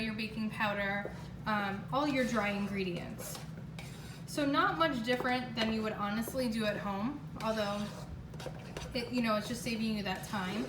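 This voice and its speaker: A woman giving a casual, chatty home cooking demonstration in a kitchen, talking in an emphatic, exclamatory way. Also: a little high. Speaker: home baking show host. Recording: roomy, distant mic, clear background noise.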